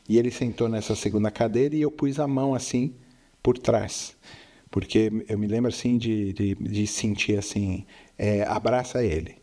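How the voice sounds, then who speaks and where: A man's voice: lowish voice, mellow. A middle-aged man, the father co-hosting, telling a story casually and often checking that his listener follows. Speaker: co-host, father. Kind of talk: casual storytelling chat on faith.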